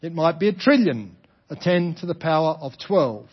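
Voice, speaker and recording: Male preacher, Australian, high-pitched. Explanatory sermon delivery with emphatic repetition and rhetorical questions. Slightly muffled sound. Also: lively intonation, normal speed, breathy edge. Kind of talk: sermon, explaining a parable to a congregation.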